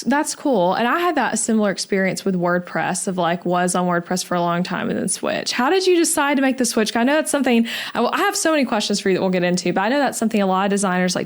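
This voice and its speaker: A young woman hosting a podcast, gushing and chatty, with many fillers like "um" and "like". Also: fairly low pitch. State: pregnant. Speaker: podcast host. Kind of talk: casual interview and podcast intro.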